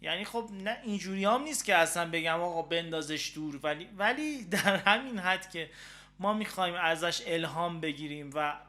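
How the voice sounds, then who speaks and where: A man's voice: a little high, pushed and bright. A man from Iran hosting a guitar show, talking casually and rambling with frequent filler sounds as he breaks off to play examples on his guitar. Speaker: guitar teacher and show host. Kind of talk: casual spoken guitar lesson.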